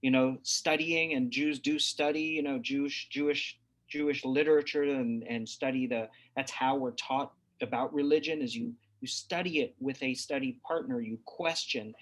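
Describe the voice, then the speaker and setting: A man's voice: mid-range voice, fairly even intonation, moderate pace, fairly bright tone. Hesitant, reflective man from New Hampshire. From New Hampshire, USA. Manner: searching and hesitant, with frequent restarts. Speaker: guest, father. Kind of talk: reflective interview talk.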